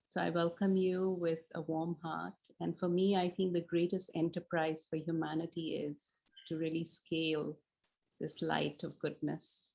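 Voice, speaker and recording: Welcome speaker: a woman, gentle and unhurried, with a gravelly, flat delivery on a call. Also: deep voice, low-quality recording. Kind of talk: heartfelt opening welcome over a video call.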